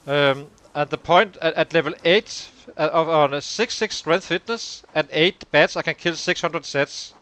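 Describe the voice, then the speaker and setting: A man's voice: a little high, a bit bright, slight background noise. A man hosting a let's play, thinking aloud as he works through the numbers behind his progress. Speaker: gaming channel host.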